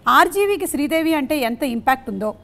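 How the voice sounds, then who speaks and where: A woman hosting a talk show, reading an ad with upbeat delivery and interviewing a guest with quick encouraging murmurs. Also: sits high, expressive. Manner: bright, upbeat presenter with frequent listening murmurs.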